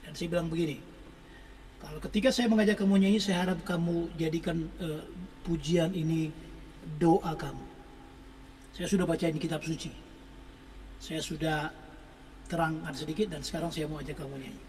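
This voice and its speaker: A man's voice: on the high side, fairly even intonation, moderate pace, pauses often, darkish tone, recorded from a distance, a little hiss or hum, low-quality recording. A man preaching a sermon, telling a healing story to the congregation and singing lines of a worship song. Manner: storytelling, addresses the congregation as brothers and sisters, sings song lines.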